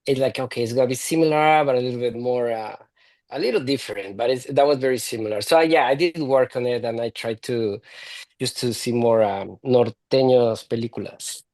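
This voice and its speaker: A man's voice: mid-range voice, brisk, a little mellow, no echo. A man from Mexico City with a Mexican accent, an actor guest telling stories in an easygoing way. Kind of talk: interview chat.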